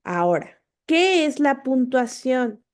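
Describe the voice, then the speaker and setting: A high-pitched woman with big swings in pitch takes her time explaining spelling and punctuation to online students. Patient and repetitive, she often checks in with "¿ok?"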